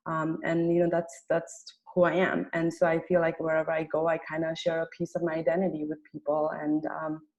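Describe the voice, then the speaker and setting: A woman's voice: sits low, completely flat delivery, a little fast, few pauses, a little mellow, muffled recording. A woman from Nepal, a medical student telling an earnest personal story on a video call.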